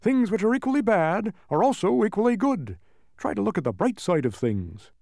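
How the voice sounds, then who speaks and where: A man's voice: sits high, very animated, moderate pace, gravelly, a little mellow, no echo, clean studio sound, voice pushed up, full character voice. A man voicing a pompous, fickle, gluttonous bug in a storybook, with florid, emphatic, self-important declarations. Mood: bright, excitable.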